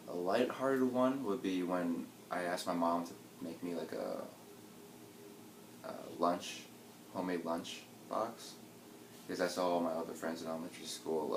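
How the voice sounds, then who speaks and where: Speaking at a measured pace, the very low-voiced young American in his twenties muses through casual interview answers. He hesitates, restarts and uses fillers. There's steady background noise, and the room is spacious enough that his voice bounces around.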